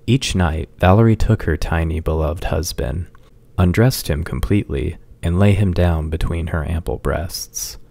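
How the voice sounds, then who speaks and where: A man reading a fantasy story aloud in scripted narration, slow and measured. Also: deep voice, vocal fry, dark tone, no room sound.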